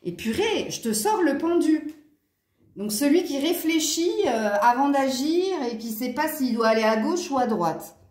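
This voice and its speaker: This woman reads tarot for her viewers in a chatty, meandering way, using lots of fillers and asides, with a southern French accent. Her high, expressive voice is a little mellow and moves at a measured pace in a reverberant space.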